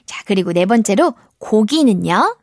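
A woman's voice: medium pitch, very animated, a little slow, dry recording, studio quality. A woman teaching English to children in a cheerful, encouraging, sing-song way. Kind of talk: online English lesson for children.

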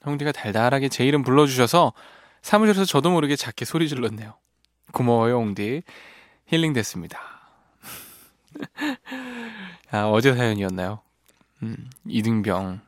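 A man's voice: medium pitch, sing-song, moderate pace, pauses often, no echo. A man hosting a radio show in a studio, reading listener messages and teasing them playfully with frequent laughs. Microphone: studio microphone.

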